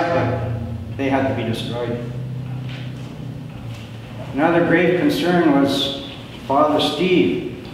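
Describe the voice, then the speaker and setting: Older man telling stories in an echoey hall. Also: mid-range voice. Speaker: storyteller of family history at a local historical talk. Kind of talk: prepared spoken talk to an audience. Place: large echoing indoor hall. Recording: very echoey hall, distant mic, background noise.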